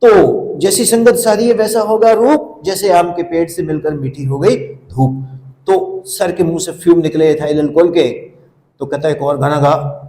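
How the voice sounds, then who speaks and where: A man's voice: a little high, steady tone, unhurried, warm tone. A man telling humorous anecdotes, now and then breaking into song. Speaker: teacher hosting a session. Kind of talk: storytelling and anecdotes.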